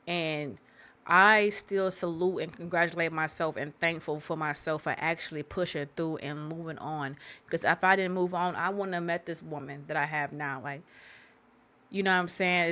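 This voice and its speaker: This woman's deep voice is pushed and bright, with fairly even intonation and a normal pace. Hosting a solo podcast, she talks straight to listeners with candid, profane life advice, rambling and preachy, repeating herself for emphasis.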